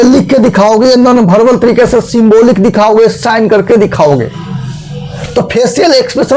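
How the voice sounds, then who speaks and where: A man's voice: very high-pitched, darkish tone. A man explaining a lesson step by step, asking rhetorical questions and demonstrating tones and expressions as he teaches.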